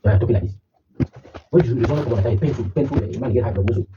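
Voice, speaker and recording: A man's voice: mid-range voice, very fast, distant mic, dull audio, noisy background. A man, a father questioning his child bluntly in a family argument.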